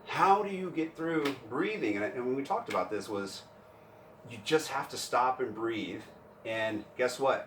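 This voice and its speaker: Animated man coaching jiu-jitsu, roomy sound. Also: slight background noise. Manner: animated, acts out panicked grappler in higher voice. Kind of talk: casual instructional chat. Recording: roomy, distant mic with faint gym ambience.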